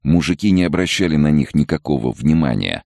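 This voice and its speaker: A man narrating an audiobook in a measured, dramatic reading. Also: very deep voice, expressive, vocal fry, mellow, dry recording, clean studio sound. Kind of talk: scripted narration.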